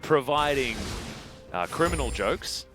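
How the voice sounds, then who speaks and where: A man with an Australian accent calling esports play-by-play, excitable and jokey. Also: mid-range voice, over music. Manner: excitable, jokey, fast bursts of rising calls. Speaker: esports caster. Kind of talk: play-by-play commentary.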